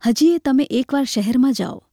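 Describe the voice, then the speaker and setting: A woman's voice: high-pitched, moderate pace, mellow, no echo, studio quality. Woman voicing a tender, pleading village wife. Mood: hurt.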